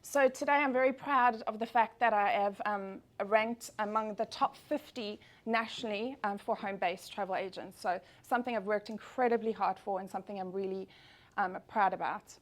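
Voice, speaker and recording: Speaking at normal speed in a mid-range voice, a woman with a South African accent presents her business at a networking meeting. She's in her forties, upbeat, and fills her talk with frequent ums.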